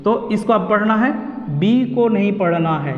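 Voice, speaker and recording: A man teaching an online English pronunciation lesson, explaining slowly and repeating each point step by step. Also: high voice. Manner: slow and repetitive, explaining step by step. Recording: echoey room, dull lo-fi sound.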